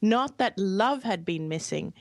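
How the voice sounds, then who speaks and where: A woman's voice: mid-range voice, animated, measured pace, creaky, no room sound, clean studio sound. A woman who grew up in Hong Kong, telling her personal story as an interview guest in an earnest, heartfelt way. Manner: earnest, heartfelt, softly emphatic.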